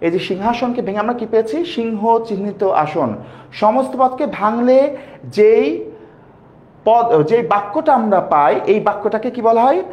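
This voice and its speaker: A man's voice: sits high, moderate pace, a little mellow. A male teacher with a Bangladeshi Bengali accent giving a grammar lesson, asking his students questions, answering them himself and repeating the key terms to drill them in. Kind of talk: classroom lecture on grammar. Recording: roomy echo.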